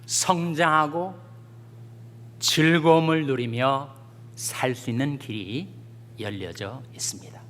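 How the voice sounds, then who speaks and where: A man's voice: medium pitch, slow, pauses often, a bit bright, a little hiss or hum. Guy preaching a sermon, jokey stories then fired up scripture reading, big echoey church. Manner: folksy storytelling with jokes, rising to fervent scripture reading. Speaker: pastor. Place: church sanctuary. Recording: long church reverb.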